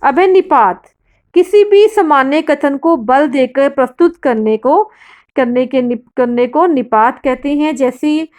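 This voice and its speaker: A woman's voice: high voice, a little slow, darkish tone. A woman teacher explaining grammar to her students in a recorded lesson, patient and explanatory, often asking questions and answering them herself. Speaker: school Hindi teacher.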